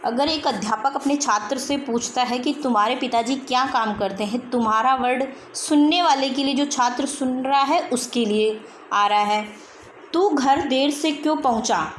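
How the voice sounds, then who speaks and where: Female teacher, high voice, slow repeated examples, asks and answers her own questions, echoey room. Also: a bit bright, a little hiss or hum. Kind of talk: grammar lesson.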